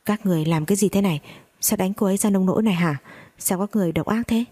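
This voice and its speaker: A woman voicing a cheating husband who stammers when caught and then yells fast at his accusers in a low, husky voice. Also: flat delivery, no room sound, natural voice. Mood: indignant. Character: cheating husband, flustered then indignant man.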